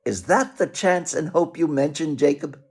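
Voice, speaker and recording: An actor playing a frightened, fussy old miser in a radio play, pleading and wheedling in a quick, anxious manner. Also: male voice, a little high, lively intonation. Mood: anxious, hopeful. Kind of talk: theatrical radio play acting.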